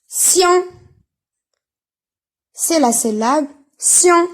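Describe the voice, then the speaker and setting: A woman teaching a reading lesson, speaking slowly and spelling out sounds and syllables one at a time with careful enunciation. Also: sits high, expressive.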